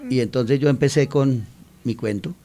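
A man's voice: mid-range voice, normal speed, mellow. Colombian man telling classroom stories. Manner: earnest storytelling, acts out quotes. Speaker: teacher and author. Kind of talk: radio interview.

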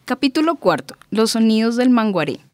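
A woman's voice: fairly high pitch, sing-song, normal speed. Patient mother narrating. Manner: patient, explaining. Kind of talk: educational radio drama narration.

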